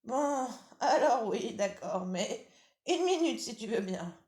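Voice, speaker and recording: A woman's voice: fairly high pitch, expressive, takes it slowly, darkish tone, voice pushed up. A woman voicing a tired, frail old grandmother who is kind and chatty, with little laughs, from a storybook. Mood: doting. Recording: roomy echo.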